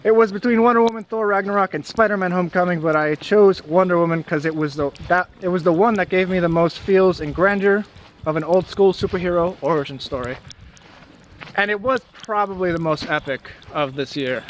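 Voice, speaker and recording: A man's voice: high-pitched, a little fast, slight background noise. A young man co-hosting a casual vlog outdoors in the snow, reading viewer comments and chatting with hesitant fillers and restarts. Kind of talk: casual chat.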